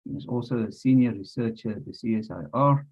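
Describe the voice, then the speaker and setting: A webinar moderator with a medium-pitched, slightly rough, darkish voice speaks a little fast over a group voice chat. He is courteous and chatty as he introduces the panel's speakers and apologizes for technical trouble, and the call audio is dull and lo-fi.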